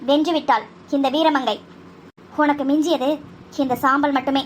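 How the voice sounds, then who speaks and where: A fierce young woman doctor in a cartoon, voiced by a woman, with a high, bright voice. She scolds and declaims with fiery intensity. Her lines carry strong moral anger. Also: steady tone, moderate pace, slight background noise, lightly acted. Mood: grand declaiming. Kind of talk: cartoon voice acting.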